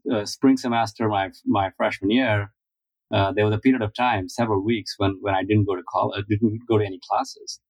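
A man in his forties from India, answering interview questions in a measured, thoughtful way with frequent fillers. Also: fairly low pitch, creaky, no echo, poor audio. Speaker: guest, finance founder.

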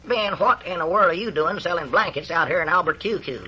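Kindly puzzled country southerner, old radio comedy, highish folksy voice, muffled 40s recording. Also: male voice, pushed and bright, husky, full character voice. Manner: folksy, homespun, halting. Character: kindly, gullible, easily puzzled rural storekeeper type. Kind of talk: 1940s radio comedy acting.

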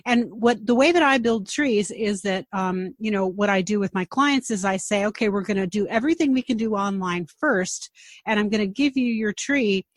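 A woman's voice: mid-range voice, moderate pace, no room sound. Woman, close and dry. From Long Island, New York. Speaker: interviewer, genealogist. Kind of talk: conversational interview.

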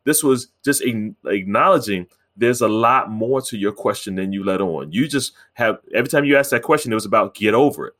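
A man, a therapist, calmly recounting a session with a client, earnest and measured, with frequent fillers and restarts. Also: on the low side. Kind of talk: reflective storytelling talk.

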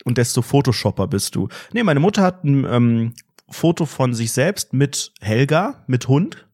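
A man's voice: medium pitch, sing-song, moderate pace, darkish tone. A man in his twenties co-hosting a podcast, bantering in a wry, ironic casual chat. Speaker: podcast host.

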